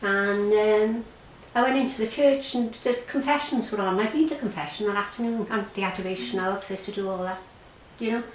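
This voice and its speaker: A woman's voice: mid-range voice, a little fast, hardly any pauses. Irish woman talking through what happened to her, stops and repeats words, echoey room, faint hiss behind. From Ireland. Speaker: interviewee recounting her experience. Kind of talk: personal testimony in an interview. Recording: roomy echo, faint background noise.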